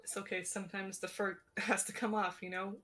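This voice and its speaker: Bright-voiced bubbly female esports caster. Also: mid-range voice, level tone, fairly quick. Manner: bubbly, laughs often, casual slang. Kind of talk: live esports commentary.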